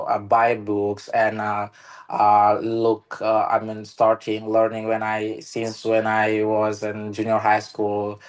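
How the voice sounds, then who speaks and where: A meeting participant on a video call, this Indonesian man has a lowish voice and speaks slowly and haltingly, full of "uh" pauses and restarts. His first language is an Indonesian local language, and the discussion is casual and online.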